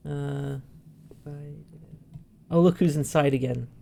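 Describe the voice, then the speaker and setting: A man's voice: a little high, slow, creaky, warm tone, slight background noise. A man in his thirties co-hosting a podcast, chatting casually, often stumbling and repeating words, self-deprecating. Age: 30s. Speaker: podcast co-host. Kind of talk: casual chat.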